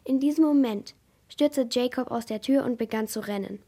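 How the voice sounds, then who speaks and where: A woman narrating a suspense audiobook in a steady, measured reading voice. Her voice sits somewhat high.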